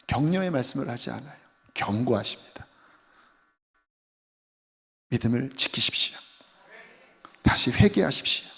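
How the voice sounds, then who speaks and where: High-voiced pastor preaching in an echoey hall. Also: male voice. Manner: earnest, preaching with rising emphasis. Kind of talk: sermon. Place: church sanctuary. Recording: echoey church hall with music.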